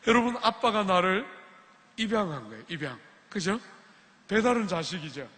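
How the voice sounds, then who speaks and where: A man from Busan, preaching a sermon at a student retreat and telling stories with animated acted-out dialogue. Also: high voice, moderate pace. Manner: animated storytelling, acts out dialogue. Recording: reverberant hall.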